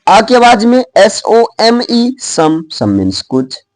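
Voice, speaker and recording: Here a man's high voice swings hugely in pitch as he teaches English pronunciation with an Indian accent. It's a lively classroom explanation where he spells words slowly, letter by letter, says them, and checks in with the class. No echo is present.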